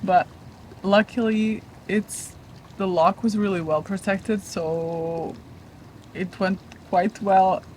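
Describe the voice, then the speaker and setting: A woman's voice: medium pitch, steady tone, takes it slowly, a little mellow. A woman in her thirties with a continental European accent, chatting casually for a sailing vlog. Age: 30s. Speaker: sailing vlogger. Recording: noisy on-board boat recording.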